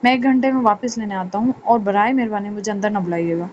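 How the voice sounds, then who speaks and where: A woman reading an audio novel, voicing a blunt, sarcastic young son with a lowered voice. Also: quick pace, a little mellow, highs cut off, slight background noise, close to an everyday voice. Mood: teasing.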